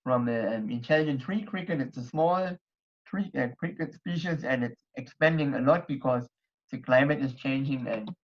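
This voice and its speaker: With a mid-range voice and moderate pace, a young man from Germany presents in German-accented English at a society members night. The online talk with slides is casual and hesitant, full of fillers and restarts. It's recorded on a computer mic during a video call, giving dull lo-fi audio.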